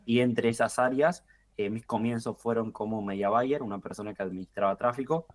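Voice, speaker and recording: A man in his twenties with a Rioplatense Argentine accent, a podcast guest who talks through marketing ideas in a relaxed way, thinking aloud with fillers and restarts. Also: mid-range voice, brisk. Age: 20s. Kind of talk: podcast interview.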